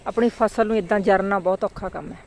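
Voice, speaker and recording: A woman chatting casually for a village vlog outdoors, animated and given to exclaiming and playful calling out. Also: medium pitch, brisk. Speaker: village vlogger.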